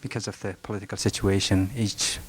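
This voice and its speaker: This middle-aged rug merchant from northern Afghanistan speaks halting, Afghan-accented English, fielding audience questions after a presentation in a library meeting room. His lowish voice holds a level tone, and he's soft-spoken, full of fillers and frequent restarts. The archival recording carries a faint background hiss.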